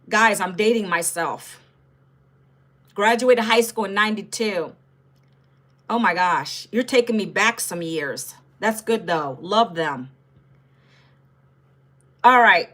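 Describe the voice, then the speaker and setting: A woman in her fifties from Northern Virginia, USA, hosts a livestream in a medium-pitched voice with a sharp tone. She keeps things chatty, addressing her viewers head-on and reading their comments aloud.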